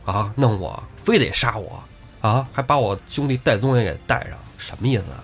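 A man's voice: lowish voice, expressive, a little fast. A man voicing a furious male outlaw chief who curses and berates his captured enemy. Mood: enraged. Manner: shouting, cursing, outraged.

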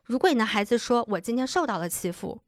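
A woman's voice: on the high side, lively intonation, fast, no room sound, studio quality. A woman in her thirties co-hosting a casual chat, telling stories and acting out quoted lines. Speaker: podcast co-host.

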